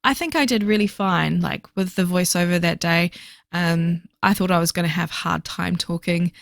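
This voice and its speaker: In a clean studio recording free of room sound, a woman who vlogs about books narrates her reading journal video in a casual way. Her lowish, slightly hoarse voice moves quickly and chattily, full of filler words.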